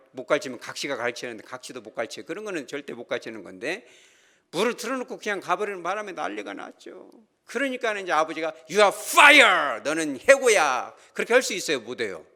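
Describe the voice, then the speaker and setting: Man, pastor, middle-aged, sermon, animated, swooping pitch, quizzes congregation. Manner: animated storytelling, acts out quoted characters; asks the congregation questions.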